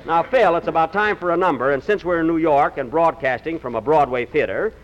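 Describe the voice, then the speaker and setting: A man's voice: on the high side, a little fast, highs cut off. A man hosting as master of ceremonies in 1940s radio comedy, with vain, exasperated comic indignation, on a theater stage. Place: theater stage with live audience. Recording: noisy old radio broadcast.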